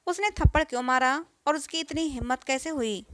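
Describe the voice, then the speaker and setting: A woman's voice: sits high, brisk, fairly bright tone, no echo. A woman voicing a protective young brother who asks indignant questions.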